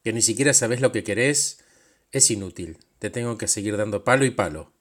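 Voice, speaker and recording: Man acting out a bossy inner critic, shouting, scornful, lowish voice. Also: brisk, natural voice. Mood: scolding. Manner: shouting, scolding, insulting. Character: harsh demanding inner boss, adult man, contemptuous.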